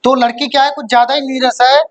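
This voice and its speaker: A man's voice: very high voice, level tone, fast, a bit bright, dry recording. Male grammar teacher, live online class, chatty and joking, keeps asking if students follow, dry close sound. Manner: chatty, joking, full of rhetorical questions and checks like "okay?".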